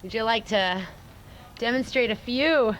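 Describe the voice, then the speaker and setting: A woman's voice: on the high side, a little slow, a bit bright, slight background noise. A woman from New York interviewing a guest, chatty and prompting with loose phrasing. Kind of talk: casual interview.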